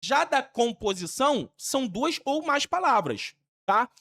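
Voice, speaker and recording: Higher-voiced Brazilian woman teaching grammar. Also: big pitch swings, a little slow, a bit bright. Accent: Brazilian Portuguese. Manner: emphatic and repetitive, with casual slang. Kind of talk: exam-prep grammar lesson.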